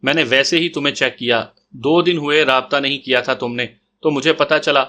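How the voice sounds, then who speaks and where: A man voicing a fiery rough-spoken woman. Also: medium pitch, pushed and bright, lightly acted. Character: fiery, possessive woman on a phone call.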